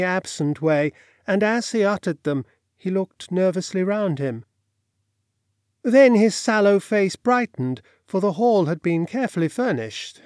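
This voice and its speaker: A man narrating a period novel in a measured, expressive storytelling manner. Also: a little high, no echo, clean studio sound. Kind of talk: audiobook narration.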